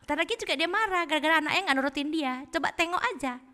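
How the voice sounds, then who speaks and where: A woman's voice: high voice, a little hiss or hum, pitched above the performer's own voice. A woman playing a sly, coaxing devil. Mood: sly, egging on. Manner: wheedling, urging on in a loud quick voice. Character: cunning male devil, sly coaxing tempter. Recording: echoey church hall.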